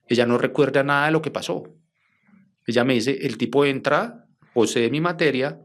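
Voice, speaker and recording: A man with a Colombian accent, a journalist telling a long first-hand story in an interview and acting out the quoted dialogue. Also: medium pitch. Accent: Colombian Spanish. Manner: animated, acts out quoted dialogue. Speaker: journalist guest.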